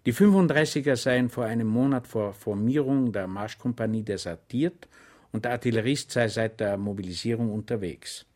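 A man's voice: medium pitch, normal speed, a little mellow. Man reading a comic novel aloud. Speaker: audiobook reader. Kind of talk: scripted narration of a comic novel.

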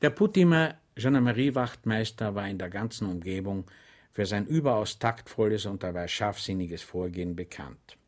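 A man narrating a comic novel as an audiobook reader, in a low, even storytelling manner. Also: moderate pace.

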